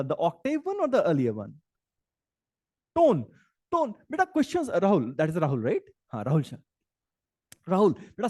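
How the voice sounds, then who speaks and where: A man's voice: high voice, darkish tone, no room sound, studio quality. A middle-aged man with an Indian accent teaching an online exam class, chatty and joking, calling students "beta" and mixing English into Hindi. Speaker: CAT exam tutor.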